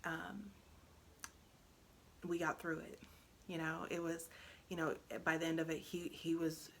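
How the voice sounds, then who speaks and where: A woman, casually sharing parenting advice, earnest and animated when retelling. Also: low-pitched, a little hiss or hum. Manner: earnest, animated when retelling, drops to a hush when describing the panic. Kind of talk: casual talk to camera.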